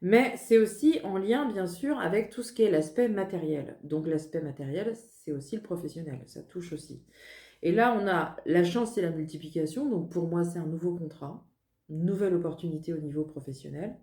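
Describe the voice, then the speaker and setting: A chatty woman works through a card reading in a mellow, warm voice, pitched a little low. She mocks herself as she talks, and her voice rings with the echo of the room. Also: moderate pace. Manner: chatty, self-mocking, laughs at herself. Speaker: medium giving a card reading. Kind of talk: casual spoken card reading. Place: indoors at her desk. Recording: roomy echo.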